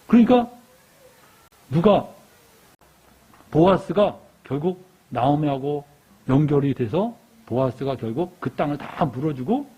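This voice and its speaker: Man, lay preacher, high husky voice, lively storytelling sermon, dull lo-fi church recording. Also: a little slow, pauses often. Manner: animated storytelling, asks the congregation questions.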